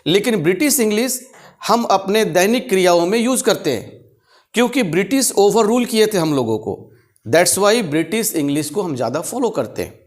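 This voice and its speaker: Slow, high-voiced teacher. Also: male voice. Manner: slow, deliberate, repeats example sentences word by word. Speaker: English teacher. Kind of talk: spoken English lesson explaining grammar.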